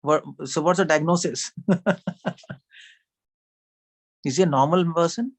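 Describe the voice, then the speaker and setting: A man's voice: fairly high pitch, measured pace. A man giving a sermon to a small gathering, talking in a conversational way, asking the audience questions and laughing often. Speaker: speaker at a devotional gathering.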